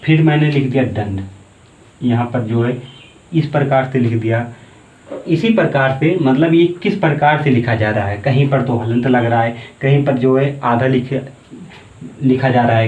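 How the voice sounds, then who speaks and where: A man teaching a basic Hindi grammar lesson, asking questions and answering them himself and repeating key words slowly. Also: medium pitch. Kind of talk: exam-prep grammar lesson. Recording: tinny, echoey phone-like room audio.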